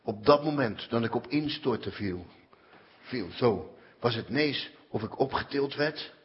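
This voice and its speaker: A man's voice: mid-range voice, expressive, a little slow, lo-fi sound. A man telling his personal testimony as a former prisoner, a dramatic storyteller who keeps breaking in with short exclamations. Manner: dramatic storyteller, peppers speech with "hé".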